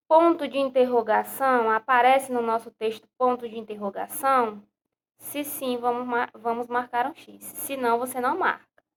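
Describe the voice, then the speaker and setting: A woman with a Brazilian accent, a primary school teacher giving a recorded lesson and explaining step by step, repeating questions patiently. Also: a little high. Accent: Brazilian Portuguese.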